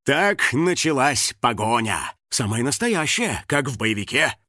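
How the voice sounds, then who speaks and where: A man narrating a children's audiobook in an expressive, storytelling manner, recorded close to the microphone. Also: mid-range voice, measured pace, no room sound.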